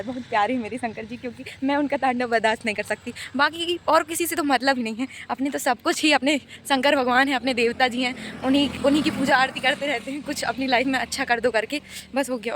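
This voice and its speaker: Chatty high-voiced young woman vlogging. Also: fairly bright tone, a little hiss or hum. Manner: chatty, playful, laughs often. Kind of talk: casual daily vlog. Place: outdoors at home and by a road.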